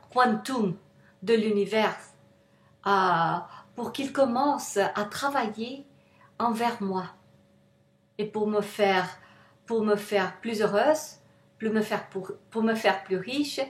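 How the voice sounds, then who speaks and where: A woman with a non-native accent gives an informal motivational self-help talk as an author, often searching for words. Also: mid-range voice. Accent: foreign, non-native French. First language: not French. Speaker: author presenting her self-help manual. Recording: echoey, roomy sound.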